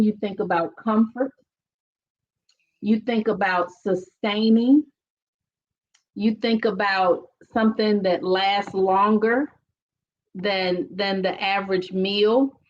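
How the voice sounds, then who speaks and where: A woman on a church panel, talking in a steady, reflective way and building her point in lists. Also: mid-range voice, lo-fi sound. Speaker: panel guest. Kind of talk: casual church panel talk.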